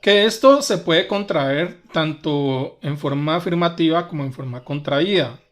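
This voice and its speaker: With a slightly high, animated voice and a measured pace, a man who grew up speaking Spanish walks through English grammar. He repeats each example patiently, one step at a time, in a slow explanation.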